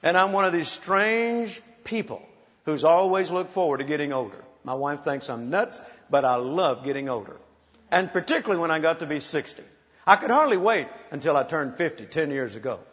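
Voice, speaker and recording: A pastor in his sixties preaches a sermon, exhorting the crowd to praise and telling playful stories. His voice is on the high side, animated, brisk, and fairly bright, and the recording sounds muffled in a large, reverberant hall.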